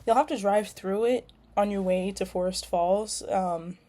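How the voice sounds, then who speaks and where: A woman's voice: mid-range voice, a little slow, warm tone. Rambling young woman introducing herself. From California. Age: young adult. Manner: rambling, frequent ums and likes. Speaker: nursing student. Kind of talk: casual self-introduction video. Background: lawnmowers outside.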